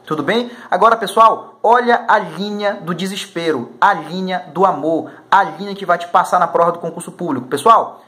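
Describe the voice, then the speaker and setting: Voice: mid-range voice, normal speed, pushed and bright. A teacher from Brazil, giving a recorded lesson for exam prep in a casual, slangy way and constantly checking in with the students. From Macapá, Brazil.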